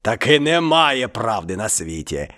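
A man voicing an ungrateful, hungry male tiger in a storybook reading, growly and drawn-out, with soft music behind. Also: fairly low pitch, sing-song. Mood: gloating.

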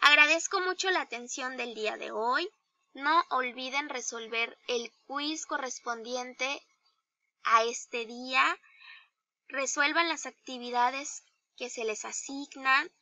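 A woman teacher with a Mexican Spanish accent, giving a slow, deliberate grammar lesson to young children and asking them questions. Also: high voice, sharp tone, no room sound. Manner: slow, deliberate, spells out each example; addresses pupils directly with questions. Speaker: primary school teacher.

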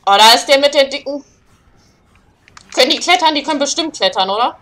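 A young woman hosting a let's play, commenting casually and shouting in panic when things get scary. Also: sits high, a little fast. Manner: excitable, panicky shouting during scares.

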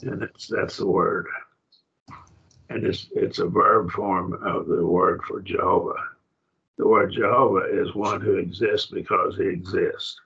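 A man teaching a Bible Greek class, halting and repeating himself, often checking that the class follows. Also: sits low, steady tone, creaky, fairly bright tone, breathy edge, lo-fi sound. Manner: halting, repeats words, asks the class if it makes sense.

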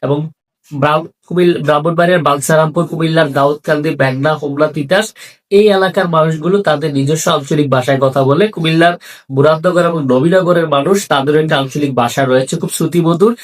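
A man's voice: a little high, fast, recorded from a distance. A man from the Comilla region of Bangladesh giving a formal, firm opinion monologue to camera as a video commentator, running through long lists of place names. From greater Comilla region, Bangladesh.

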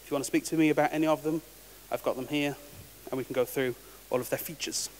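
Speaking at a technical conference in a large hall, this man has a voice on the high side, a steady tone, a quick pace, and a slightly mellow quality. His manner is casual and wry, with frequent word restarts, and the audio carries hall reverb and a faint hiss.

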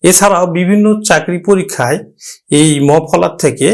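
A man teaching a pronunciation lesson, addressing students directly, explaining step by step and slowly drawing out example words. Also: high-pitched, vocal fry, a little mellow. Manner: slow, drawn-out repetition of example words. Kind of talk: Bengali grammar lesson.

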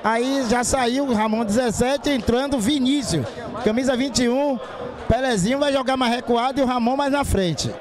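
High Bahian male reporter amid crowd. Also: normal speed. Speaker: pitchside football reporter. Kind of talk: live match reporting. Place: outdoor football ground. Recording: clear stadium crowd noise.

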